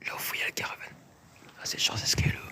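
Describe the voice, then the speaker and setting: A man vlogging while exploring an old factory site, whispering tensely and swearing often. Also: fast. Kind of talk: whispered casual vlog narration.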